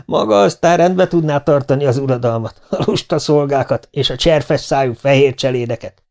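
A man voicing a blustering old-time warlord who talks in a booming, pompous, archaic way. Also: gravelly, a little mellow, close to an everyday voice. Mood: amused. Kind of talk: audiobook character voice.

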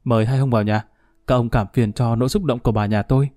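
A man's voice: mid-range voice, steady tone, fast, dark tone, dry recording, lightly acted. A man voicing an earnest grateful doctor. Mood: apologetic. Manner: earnest, formal, effusive thanks. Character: grateful, emotional middle-aged male doctor.

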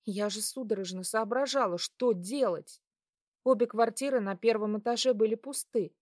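A woman reading a first-person story aloud in a measured, steady way. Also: fairly high pitch, no echo, clean studio sound. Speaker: audiobook reader. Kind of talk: first-person scripted narration.

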